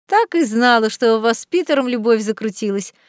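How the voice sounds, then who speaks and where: A woman's voice: on the high side, animated, a little fast, no room sound, clean studio sound, lightly acted. A woman voicing a bold, mocking young noblewoman in a storybook reading, teasing and self-assured.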